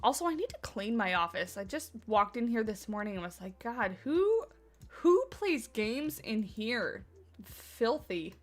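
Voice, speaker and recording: With a fairly high, very animated but unhurried voice, a woman chats with her live chat while streaming a game from her home office. She rambles a little, jokes at her own expense, and sounds slightly stuffed up from a cold.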